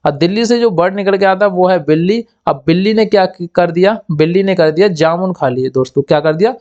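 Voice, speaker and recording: Male exam tutor, high voice, repeats and quizzes himself, slightly dull lo-fi audio. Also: a little fast, a little mellow. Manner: repetitive, asks and answers own questions; acts out little scenes in quoted voices. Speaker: exam coaching teacher. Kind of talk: explaining memory tricks.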